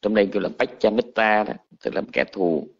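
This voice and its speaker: Monk telling a sermon story, muffled. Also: male voice, on the low side, a little fast. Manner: colloquial, animated storytelling with restarts. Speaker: Buddhist monk teacher.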